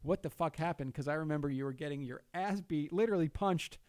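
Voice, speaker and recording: A fast-talking New Jersey man with a fairly high, clean but darkish voice hosts a studio podcast. He's brash and full of jokes, cursing freely as he chats with guests and reads out plugs. The recording is dry.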